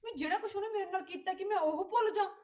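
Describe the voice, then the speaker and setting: A woman's voice: very high-pitched, fast, darkish tone, reverberant. A woman with a Punjabi accent playing a hurt young sister who pleads and questions indignantly. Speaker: actress in a Punjabi web drama.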